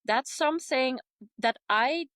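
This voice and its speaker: Woman in her thirties, from the Netherlands, fairly high voice, dry close sound, chatty guest. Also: takes it slowly, a bit bright, dry recording. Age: 30s. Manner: chatty, many fillers like um and yeah. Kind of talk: casual interview chat.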